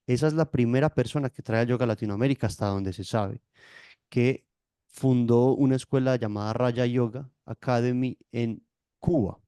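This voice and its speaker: Male yoga teacher, guest, mellow and dry, lecturing with tag questions. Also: medium pitch, moderate pace, clear, resonant tone, dry recording. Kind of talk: explanatory interview talk.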